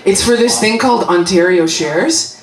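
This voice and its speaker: A woman's voice: medium pitch, moderate pace. A woman with a Canadian accent doing a profane stand-up set with crowd work in a comedy club. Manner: brash, profane, chatty, laughing at own jokes. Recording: echoey club, mic heard from far, loud crowd.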